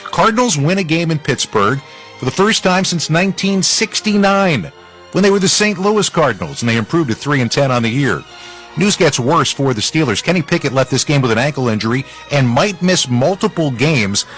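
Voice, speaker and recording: A male sports radio host narrates a football highlights roundup in a fairly high voice. He is punchy and informal, with music playing underneath. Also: expressive, moderate pace, a bit bright. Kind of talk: scripted football roundup narration with conversational asides.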